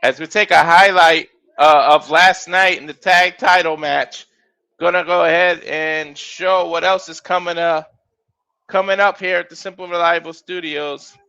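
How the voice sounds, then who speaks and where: A man with a high, bright voice calls a wrestling match live. He gets excitable, swears casually and shouts when a big move lands. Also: a little slow, clear, resonant tone. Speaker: wrestling watch-along commentator. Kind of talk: live play-by-play commentary.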